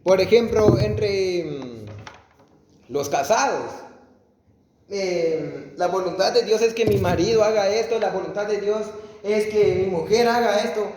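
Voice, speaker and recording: A man delivers a sermon in an unhurried, high voice, questioning his listeners directly. The sound is roomy with a long hall reverb and faint background noise. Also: a little mellow. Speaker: preacher.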